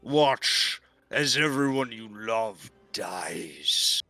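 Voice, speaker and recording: A man voicing a menacing, contemptuous boar creature in a tabletop game, with a slow, rumbling voice. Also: very animated, pushed and bright, no echo, faint music behind, exaggerated voice. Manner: slow, drawn-out taunting.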